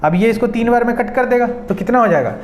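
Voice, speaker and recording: A man on his teaches a chemistry lesson step by step, often asking his students questions and slowing down to dictate as he writes. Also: very high voice, roomy sound. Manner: dictates slowly while writing. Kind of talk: whiteboard lesson.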